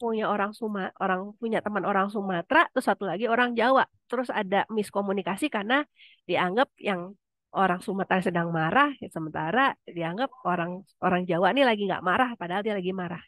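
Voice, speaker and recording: A woman's voice: mid-range voice, fast, a bit bright, dry recording. A woman lecturer leading an online class discussion in a conversational way, often asking her students questions.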